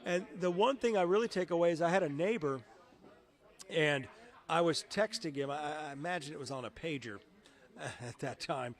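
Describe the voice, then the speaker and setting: In a relaxed interview, a middle-aged man who works as a TV meteorologist swaps anecdotes conversationally. He speaks at a normal speed with a fairly high pitch.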